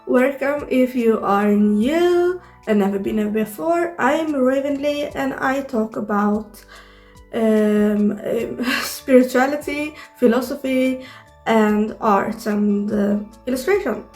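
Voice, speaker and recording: A young Swedish YouTuber with a Swedish accent talks casually to camera, hesitant and full of fillers. Her slightly high voice is a little mellow and slow, soft music plays in the background, and she's recorded on the device's own mic with no external microphone.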